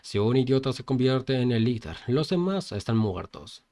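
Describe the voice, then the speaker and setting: A man's voice: medium pitch, sing-song, moderate pace, warm tone. A man voicing a young male hero, a former soldier, who speaks firmly and urgently. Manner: urgent, scolding, firm.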